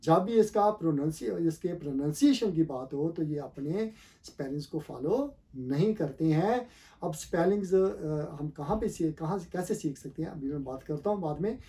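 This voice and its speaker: His voice is a little high, expressive and dark in tone as he teaches pronunciation. He quizzes the viewer, repeats the answers, and talks slowly and deliberately with frequent thinking pauses.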